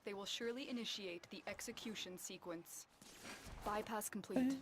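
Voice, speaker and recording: A woman's voice: medium pitch, normal speed, lightly acted. Commanding sci-fi mission guide played by a woman, background chatter. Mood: serious, commanding. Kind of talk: scripted game mission dialogue. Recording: quiet game audio under streamer chatter.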